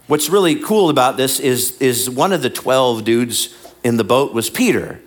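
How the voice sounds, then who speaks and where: Animated male pastor preaching. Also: mid-range voice. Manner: animated, acts out voices and quotes. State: bad back. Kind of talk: sermon.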